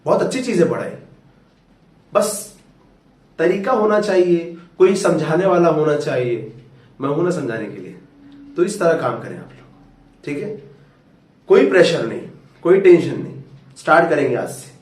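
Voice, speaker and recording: Male tutor, fatherly motivational pep talk, echoey room. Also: fairly high pitch. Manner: fatherly, coaxing, calls listeners "beta". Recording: roomy echo, far from mic.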